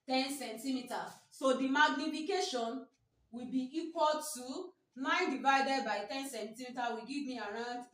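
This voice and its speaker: Nigerian woman teaching, echoey and distant. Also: high-pitched. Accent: Nigerian English. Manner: repetitive, asks "what?" and answers herself. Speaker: biology teacher. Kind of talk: exam-prep lesson. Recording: echoey room, voice from afar.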